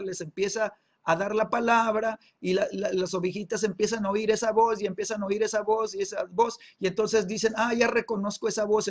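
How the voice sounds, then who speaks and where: A man teaching an online Bible class, checking in with listeners through constant tag questions and repeating words while he searches for the next one. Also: high voice. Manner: peppers speech with tag questions.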